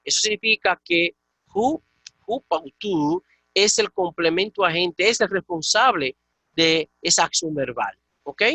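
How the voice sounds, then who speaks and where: A man's voice: high-pitched, animated, a little slow, pushed and bright, no echo. A man from the Dominican Republic teaching a Koine Greek class, explaining patiently and checking in with his students. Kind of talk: online class lecture.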